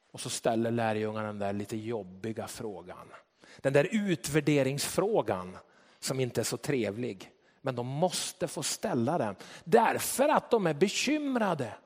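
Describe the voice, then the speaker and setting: High-voiced preacher in a reverberant hall. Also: male voice. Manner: storytelling, reflective, rhetorical questions. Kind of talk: sermon.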